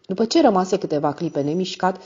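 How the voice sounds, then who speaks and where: A woman narrating an audiobook with expressive storytelling. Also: fairly low pitch, husky. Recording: dull lo-fi sound.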